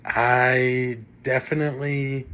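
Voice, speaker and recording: Here a student presents a class assignment in a loose, filler-heavy way, restarting often. He's a young northern Indiana man with a Great Lakes Midwestern accent, and his medium-pitched voice is level, slow, and slightly bright.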